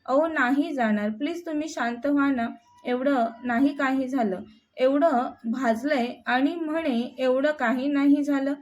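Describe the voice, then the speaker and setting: A woman voicing a timid, tearful young wife who pleads softly. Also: sits high, unhurried, slight background noise. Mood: pleading.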